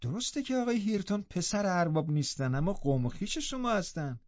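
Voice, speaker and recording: A calm, gentle female servant, voiced by a male reader in an audiobook. She speaks in a softened, slightly raised voice and reasons mildly. The sound is slightly muffled. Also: high voice, dry recording, voice pushed up. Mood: soothing. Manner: soothing, mild. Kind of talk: audiobook character voice.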